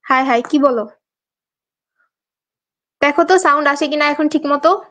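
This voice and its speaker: A young woman from Bangladesh teaches a live online exam class in a high voice. She talks in a chatty, coaxing way and reads out her students' answers. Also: moderate pace, a bit bright.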